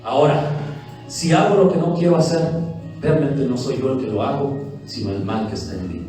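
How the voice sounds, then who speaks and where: A man preaching a lively sermon as pastor, who acts out quotes of church members. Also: mid-range voice, brisk. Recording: echoey hall heard from a distance with faint music.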